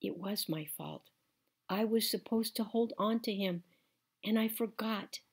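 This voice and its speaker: A woman reading a children's novel aloud in first person, gentle and unhurried. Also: medium pitch, husky. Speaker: audiobook reader. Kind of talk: storybook narration.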